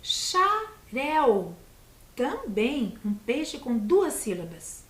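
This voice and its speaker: A Brazilian woman teacher giving a video lesson to young children, patient and encouraging, sounding out words slowly. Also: fairly high pitch, very animated. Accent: Brazilian Portuguese. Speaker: primary school teacher. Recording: echoey room.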